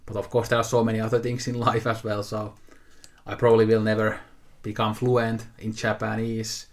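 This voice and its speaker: A Finnish video host aged twenty-eight rambles easily to camera about his haul, unscripted, at a normal speed. His voice sits on the low side with a completely flat delivery, and he often uses fillers and restarts.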